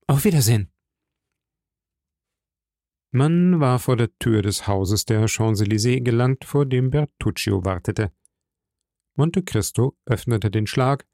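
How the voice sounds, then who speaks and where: A man reading a novel aloud in an even, measured narration into a close microphone. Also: mid-range voice, gravelly, no room sound. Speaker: audiobook narrator. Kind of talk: scripted narration.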